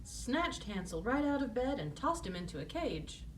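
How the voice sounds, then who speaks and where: A woman's voice: on the high side, sing-song, moderate pace, distant mic, a little hiss or hum, rough recording. A woman storyteller narrating a children's fairy tale, in the manner of a fairy tale opening.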